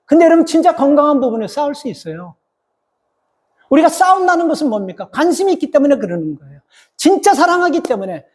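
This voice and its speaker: High-voiced man preaching a Sunday sermon. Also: very animated, fast talker. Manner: emphatic, addresses the congregation directly with rhetorical questions; acts out biblical quotes with rising, heated pitch. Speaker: pastor.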